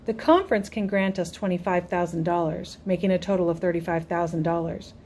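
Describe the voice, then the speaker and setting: A tired, steady father reads out grim figures to a church board, slow and businesslike, as a woman narrator puts him on. The voice sits fairly low and deliberate, told as an audiobook scene. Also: a little hiss or hum, close to an everyday voice. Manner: measured, businesslike summarizing. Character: weary middle-aged father, church board leader.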